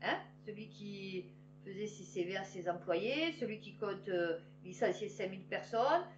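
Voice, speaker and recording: A woman reading news headlines aloud and adding sarcastic, animated asides to her viewers. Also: medium pitch, unhurried, soft background music. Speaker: news commentator. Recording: roomy, dull lo-fi with faint hum.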